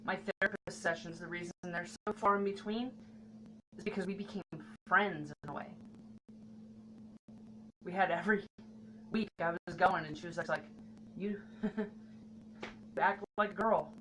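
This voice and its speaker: A woman's voice: on the low side, fairly even intonation, normal speed, pauses often, fairly bright tone, rough recording. A woman talking candidly and earnestly to the camera in a personal vlog. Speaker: vlogger. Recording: noticeable background noise.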